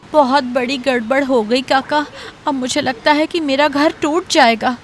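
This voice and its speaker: A high-voiced young cartoon daughter-in-law. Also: female voice, unhurried, slight background noise. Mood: upset. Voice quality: earnest, firm. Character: young daughter-in-law, proud and loyal to her father. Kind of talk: cartoon voice acting.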